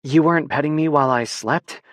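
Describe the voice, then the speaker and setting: A man's voice: a little fast, no room sound, natural voice. A man doing a perky outspoken young woman. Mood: startled. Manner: higher, brighter voice than his narration.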